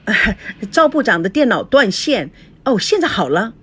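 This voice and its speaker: A timid young female assistant, read by a woman, speaks hesitantly and apologetically. Her voice sits fairly high and a bit breathy. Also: very animated, normal speed, a bit bright, exaggerated voice.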